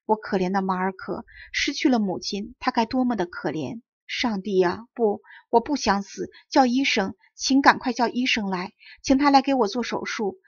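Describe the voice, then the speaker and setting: A woman's voice: medium pitch, dry recording, close to an everyday voice. A woman voicing a dying mother who pleads tearfully for her young son, weak and near death. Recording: dull lo-fi audiobook recording.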